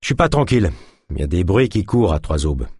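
A man playing a gruff, suspicious male guard who grumbles and speaks bluntly, read in an audiobook. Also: low-pitched, sing-song, quick pace, a little mellow, no echo, clean studio sound, full character voice. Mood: gruff, wary.

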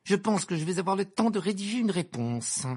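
A woman's voice: mid-range voice, very animated, fairly quick, darkish tone, breathy edge. A woman voicing a deranged middle-aged male wizard official who rambles in broken, confused speech in an audiobook. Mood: dazed, formal. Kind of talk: audiobook character reading.

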